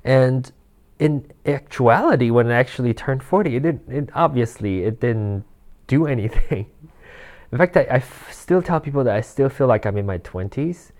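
A podcast host in his forties runs a solo show in a casual, rambling way, full of fillers, restarts and frequent chuckles. His mid-range voice is expressive and a little mellow, at a moderate pace, recorded on a handheld or desk mic that picks up rustle.

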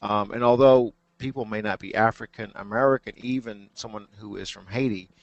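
Thoughtful low-voiced male guest. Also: fairly even intonation, a little fast, no echo, highs cut off. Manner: thoughtful, hesitant, many fillers. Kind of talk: casual radio talk.

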